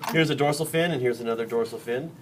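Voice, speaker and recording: A man's voice: fairly high pitch, moderate pace. A man teaching a biology class during a dissection, joking and quizzing his students. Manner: jokey, chatty, quizzes the class. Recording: distant mic in a noisy classroom.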